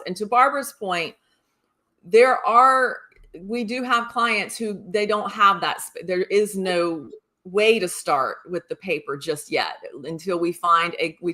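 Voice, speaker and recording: A woman's voice: fairly low pitch, sharp tone. A woman co-host and organizing coach, upbeat and explanatory, often checking in with the listener. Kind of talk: casual conversation.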